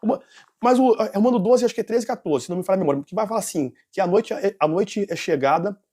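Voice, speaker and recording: This interview guest is a jittery man recounting his own testimony, and he wanders, starts over and corrects himself as he goes. He speaks fast in a high, dark voice with a breathy edge.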